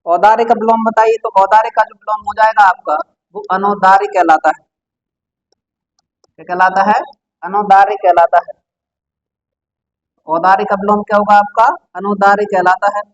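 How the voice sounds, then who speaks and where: A man's voice: sits high, level tone, normal speed, pauses often. A man teaching a Hindi vocabulary lesson for exam prep, keeps quizzing the listener with repeated questions and answering them himself. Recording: dull lo-fi sound.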